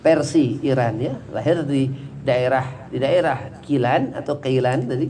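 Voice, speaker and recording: A man's voice: medium pitch, unhurried, mellow, slight background noise. Chatty man teaching a religious study class. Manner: chatty, digressive explaining with many "nah" and "ya" fillers.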